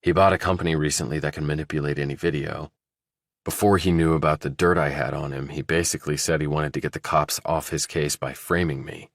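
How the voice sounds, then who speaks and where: In audiobook dialogue, a man voices a desperate young murder suspect in a very low pitch, sounding blunt, earnest, insistent, wary and dismayed. His tone is steady and a little fast, and the dry recording has no room sound.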